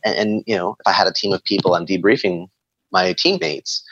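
A low-voiced man talks as a guest in an interview. He tells stories with animation and acts out the voices in his own head. The recording sounds muffled and lo-fi. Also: fairly quick. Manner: animated storyteller, acts out his inner dialogue. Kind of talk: conversational interview.

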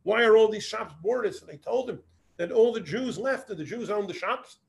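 A man with a high, creaky, animated voice teaches a Torah text at a normal speed. He works verse by verse, reading each Hebrew phrase aloud and then translating it in this text study lesson.

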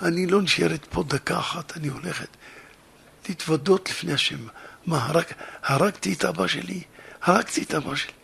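A grief-stricken young woman pours out tearful pleas for forgiveness, as a male preacher plays her in a storytelling sermon. Her voice climbs high and strains with sobs, rough and gravelly at the edges. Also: fairly bright tone, full character voice. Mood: distraught. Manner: tearful pleading, voice rising high. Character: remorseful young woman begging her dead father.

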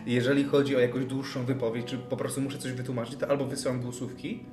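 A man's voice: medium pitch, flat delivery, quick pace. A man co-hosting a casual chat podcast, teasing, sarcastic and swearing often. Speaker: podcast co-host. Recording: echoey room with music underneath.

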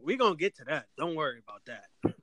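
Bright, slightly high male voice. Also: very animated, fast talker. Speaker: sports podcast co-host. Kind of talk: casual sports chat.

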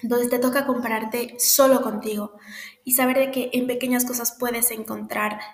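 A young adult woman, hosting a solo podcast in a heartfelt, confiding, gently earnest manner. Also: fairly high pitch, fairly even intonation, normal speed. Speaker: podcast host. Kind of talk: reflective solo podcast monologue. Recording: echoey room.

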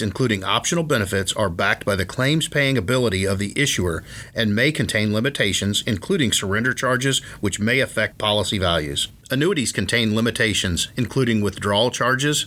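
Male announcer, lowish pitch, for scripted legal disclaimer. Formal, measured, matter-of-fact read. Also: fairly bright tone.

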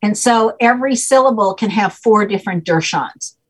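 In this explanatory conversation, a woman guest with a husky, mid-range voice speaks at a moderate pace. She teaches a name system in detail, pausing patiently to ask "okay?" to make sure the listener keeps up.

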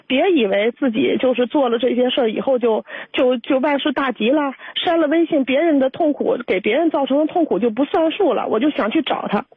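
A woman's voice: sits high, brisk, hardly any pauses, breathy edge, dry recording. A woman calling in to an advice show, talking in a rambling, hesitant, aggrieved way. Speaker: caller. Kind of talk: call-in confession. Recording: dry tinny phone line.

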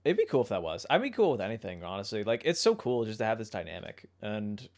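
A young man co-hosting a podcast in casual chat, excitable, swearing freely and laughing often. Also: on the low side, quick pace. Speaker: podcast co-host.

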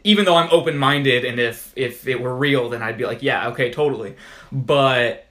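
A man's voice: medium pitch, moderate pace, fairly bright tone. Rambling male podcast co-host. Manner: rambling, full of "like" fillers and restarts. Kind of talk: casual chat.

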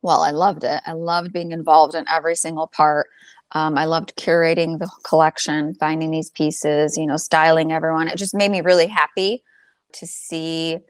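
Low-voiced chatty woman. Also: level tone, moderate pace, dry recording. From Albanian heritage. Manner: chatty, laughs often, many fillers. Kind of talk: conversational interview.

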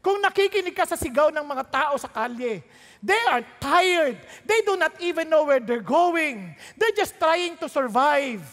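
A woman's voice: high voice, expressive, measured pace, long reverb tail. A woman pastor preaching a sermon, throwing rhetorical questions and jokes at the congregation while mixing Tagalog and English.

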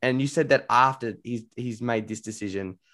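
A man's voice: medium pitch, normal speed, a bit bright. Male podcast host, Australian accent, blokey tradie delivery, slangy and matey, casual sports talk. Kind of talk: casual sports panel chat.

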